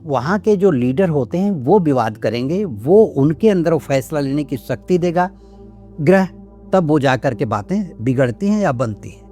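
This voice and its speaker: Older man, astrologer, lecturing explainer talk, fairly high voice, faint music behind. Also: expressive, moderate pace, dark tone. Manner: lecturing, lists points one by one.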